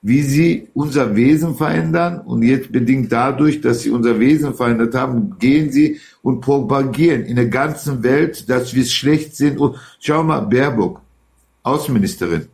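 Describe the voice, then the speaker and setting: A man's voice: mid-range voice, normal speed, gravelly, darkish tone. A man, talking politics in an emphatic, rambling way as a guest. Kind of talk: heated political talk.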